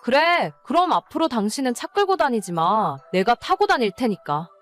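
With a sing-song, somewhat high voice at normal speed, a woman nags and scolds as the exasperated wife of an irresponsible man. The piece is scripted story narration and dialogue, with faint music in the background.

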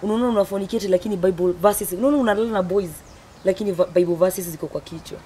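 A woman's voice: medium pitch, rapid-fire, dark tone. A young woman with a Kenyan accent telling personal stories casually, switching between Swahili and English. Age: young adult. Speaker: guest, comedian. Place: outdoor garden. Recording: clearly noisy outdoor ambience.

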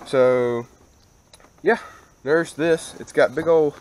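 A man's voice: a little high, takes it slowly, slight background noise. A young man, casually showing off his vehicles in a rambling vlog walkthrough, recorded outdoors on an action camera. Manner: laid-back, rambling, casual slang. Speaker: vlogger. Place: outdoors in a rural yard. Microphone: action camera mic.

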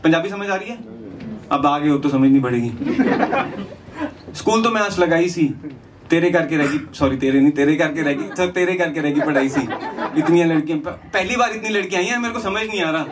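A stand-up comedian performs lyrical comedy on stage in a small indoor venue, shifting between rhymed storytelling verse and conversational asides. His voice is on the high side and a little fast, heard through a handheld mic with distant, noisy live sound.

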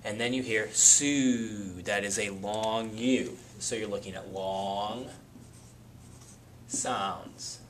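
A man teaching a phonics lesson. He explains step by step, patiently, and repeats the example words slowly. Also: fairly low pitch, steady tone, slight background noise.

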